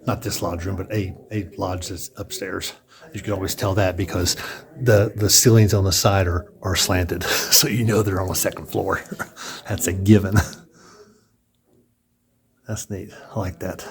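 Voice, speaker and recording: This gravelly voice sits low, with fairly even intonation and a measured pace. A vlogger walking through indoor hallways and large rooms, he chats casually about the building, thinking aloud with restarts while sounding a bit breathless.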